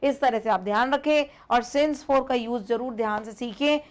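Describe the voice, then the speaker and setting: A woman teaching an online English grammar lesson, explaining slowly, repeating points and calling her students "beta". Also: a little high.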